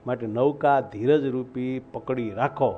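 A male preacher, telling a devotional story in folksy talk and slowly chanting verses. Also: mid-range voice, fairly even intonation. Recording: dull lo-fi recording with faint music.

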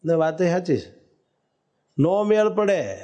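A man's voice: high voice, very animated, slow pace, warm tone, highs cut off. A man preaching a devotional sermon, telling a story and breaking into sung verses. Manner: storytelling, bursts into sung verses, calls out lines.

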